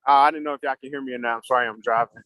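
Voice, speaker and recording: A man's voice: medium pitch, fairly even intonation, rapid-fire, bright, forceful tone, no echo. A man calling into a group meeting over a car speakerphone while he drives, keeping his check-in short and matter-of-fact. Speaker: meeting participant. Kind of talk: brief check-in on a group call.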